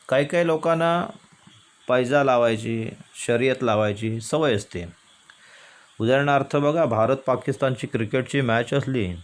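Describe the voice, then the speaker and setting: Brief: male teacher from India, mid-pitched, walks students through a poem, poses questions then answers them. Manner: explains slowly, asks and answers his own questions; recites verses in a slow chant. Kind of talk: Marathi poetry lesson.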